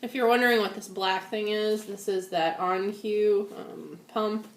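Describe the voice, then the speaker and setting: A woman's voice: medium pitch, fairly even intonation, unhurried. A woman talking casually to camera at home, sounding weak, shaky and a bit out of it while recovering from surgery. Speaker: vlogger sharing a post-surgery update. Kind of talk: casual personal video diary. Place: indoors at home. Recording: echoey room.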